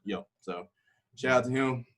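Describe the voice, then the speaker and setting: A man hosts a casual sports podcast with an easygoing, unhurried delivery. He laughs often and keeps handing topics off to his co-hosts. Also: mid-range voice. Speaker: podcast host.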